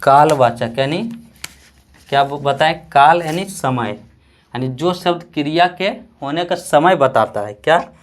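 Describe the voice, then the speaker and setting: A man from Bihar teaching a grammar lesson, repeating words slowly for students to write down and answering his own questions. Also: a little high, expressive. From Bihar, India.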